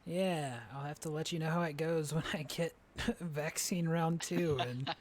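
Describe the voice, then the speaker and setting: A man's voice: on the high side, fairly even intonation, a little slow, a little hiss or hum. A man streaming, chatting casually with a friend, rambling with lots of filler words and frequent laughter. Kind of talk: casual chat. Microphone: streaming setup.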